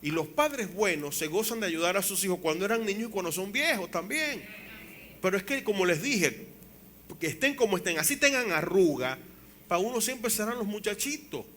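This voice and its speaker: Bright-voiced preaching pastor in his fifties. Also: high voice, moderate pace, a little hiss or hum. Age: 50s. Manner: animated preaching with acted quotes and rhetorical questions. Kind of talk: sermon. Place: church.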